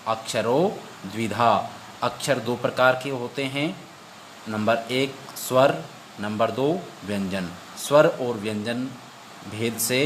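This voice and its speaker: A man teaching an exam-prep lesson. He recites verses slowly and repeats each point as a question he then answers. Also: lowish voice, fairly bright tone, a little hiss or hum.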